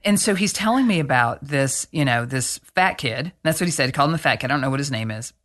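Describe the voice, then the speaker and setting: Low-voiced woman telling a story bluntly. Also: fast. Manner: animated, blunt storyteller with frank swearing. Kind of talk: casual storytelling chat.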